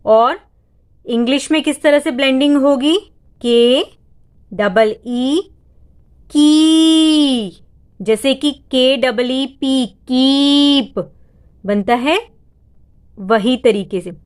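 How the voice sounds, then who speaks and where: A woman tutor, patiently explaining vowel sounds step by step and drawing out each sound. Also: on the high side. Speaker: home tutor teaching reading. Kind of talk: step-by-step lesson.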